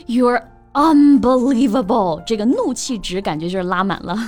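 A woman co-hosting an English lesson, casual and lively, laughing often and acting out example tones. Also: medium pitch, fast talker. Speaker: co-host of an English lesson podcast. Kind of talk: casual bilingual teaching chat. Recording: light background music.

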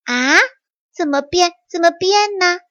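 A woman's voice: very high-pitched, animated, a little slow, sharp tone, no echo, pitched above the performer's own voice, heavily acted. A woman voicing cheerful young male mouse siblings in a chirpy, singsong way. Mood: puzzled. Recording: dry, slightly muffled.

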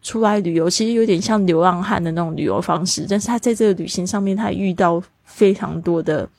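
Low husky woman teaching English. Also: a little mellow, no echo. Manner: explains and spells words out slowly. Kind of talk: podcast lesson.

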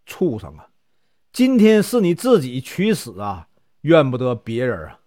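Man doing a sorrowful taoist master, low heavy voice, stern grief, storytelling. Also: wildly swooping pitch, unhurried, mellow, no echo, studio quality. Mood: grieving. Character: sorrowful Taoist master grieving his doomed disciple.

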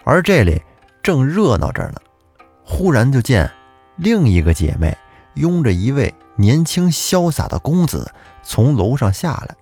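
A man's voice: mid-range voice, big pitch swings, unhurried, darkish tone, breathy edge, faint music behind. A man narrating a folk tale as storyteller host, chatty and turning to address his listeners.

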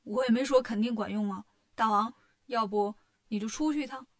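A woman's voice: a little high, a little fast, pitched below the performer's own voice, close to an everyday voice. A woman voicing a sly, scheming male wolf demon who talks in a wheedling way in a storybook tale.

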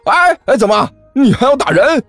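A man voicing a cheeky male student who loudly plays innocent and protests. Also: high voice, huge pitch swings, normal speed, dry recording, soft background music, voice pushed up, full character voice. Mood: indignant.

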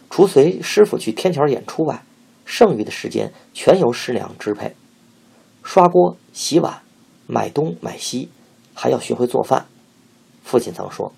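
Gravelly husky man telling a story. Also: mid-range voice. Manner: storytelling, lively and expressive. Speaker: audiobook narrator. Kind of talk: reading a memoir aloud.

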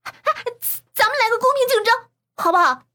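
A woman playing a shrill, greedy schoolgirl. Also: animated, fairly quick, bright, forceful tone, full character voice. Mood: scheming. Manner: stammering, shrill and insistent. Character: petulant greedy schoolgirl, loud and grabby. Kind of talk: storybook narration.

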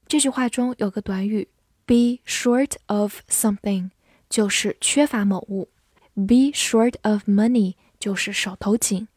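Slow, clear woman teaching vocabulary. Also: medium pitch, a little mellow, no echo, clean studio sound. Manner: spells words letter by letter, then reads slowly. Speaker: English teacher. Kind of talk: scripted vocabulary lesson.

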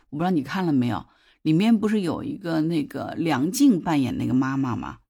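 A woman with a fairly low, darkish voice hosts a parenting advice podcast. Speaking conversationally and often putting questions to her listeners, she recounts a story from a TV drama in detail.

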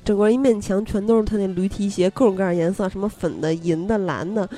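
A woman co-hosting a casual podcast chat, talking in a chatty, animated way with playful teasing. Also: medium pitch, fast. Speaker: podcast co-host.

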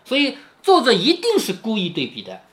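A man's voice: very high voice, wildly swooping pitch, brisk, fairly bright tone. A man reading a classic novel aloud to his daughter and explaining it, conversational and often asking rhetorical questions. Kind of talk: storytelling with commentary.

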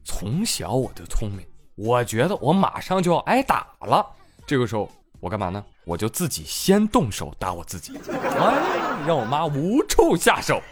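A man's voice: medium pitch, huge pitch swings, normal speed, slightly rough. A man hosting a casual show, reading out listener comments and teasing them playfully. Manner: playful, teasing, laughs often. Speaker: host.

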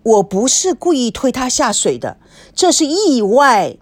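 A woman's voice: a little high, big pitch swings, measured pace. A woman voicing a nervous, remorseful young man who apologizes hesitantly and stammers.

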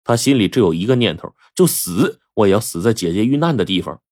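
A male storyteller with a low, husky voice that ranges widely as he narrates. He keeps up a chatty flow of asides and rhetorical questions. The recording is dry and close. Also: expressive, fast talker, a little mellow, no room sound.

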